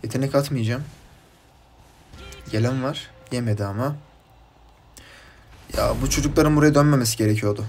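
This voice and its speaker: A man from Turkey commenting casually on his mobile game match, chatty and rambling from topic to topic, with bursts of excited shouting at his teammates. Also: mid-range voice, moderate pace, pauses often, a little hiss or hum. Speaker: gaming YouTuber.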